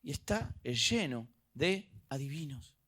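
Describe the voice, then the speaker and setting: A middle-aged man with an Argentine accent preaching a sermon, dramatic, going from soft asides to loud emphatic bursts. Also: fairly high pitch, takes it slowly, breathy edge. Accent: Argentine Spanish. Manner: animated preaching, acting out little dialogues, swinging from soft to loud. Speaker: pastor.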